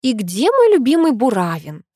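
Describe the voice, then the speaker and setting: A woman reading an audiobook who voices a sharp-tongued, flustered young woman with raised, exclamatory lines. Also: fairly high pitch, expressive, normal speed, dry recording, studio quality, voice pushed up, close to an everyday voice. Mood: mocking. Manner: loud, mocking, exclamatory.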